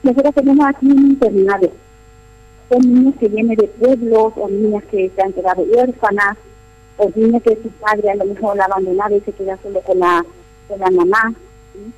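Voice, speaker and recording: On a muffled recording, a middle-aged nun from Paraguay who serves as a missionary at a boarding school responds to an interviewer. Her mid-range voice is somewhat dark, fairly even in intonation and moderately paced, and her answers are chatty, explanatory and full of repeated phrases.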